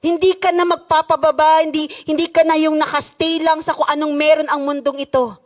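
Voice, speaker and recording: A woman's voice: high-pitched, level tone, brisk. A middle-aged woman pastor with a Filipino accent, preaching a sermon in a church and switching between Tagalog and English. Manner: preaching in mixed Tagalog and English with rising emphasis.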